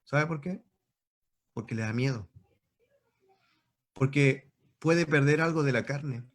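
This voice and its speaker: A man's voice: mid-range voice, takes it slowly. A man preaching a sermon as pastor, earnest, repeating phrases and often calling his listeners brothers.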